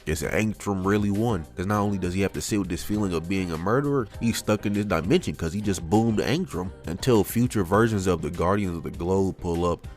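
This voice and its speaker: A man's voice: low-pitched, brisk, few pauses, darkish tone. Slangy young man recapping fights over music. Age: 20s. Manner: slangy, hype, joking asides. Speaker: commentator recapping fight scenes. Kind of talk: comedic recap narration. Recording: music bed under voice.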